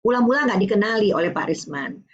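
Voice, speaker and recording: An older woman from Indonesia giving a lively parenting talk, acting out dialogues between a parent and a child. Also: mid-range voice, fast talker, dull audio. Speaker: parenting speaker.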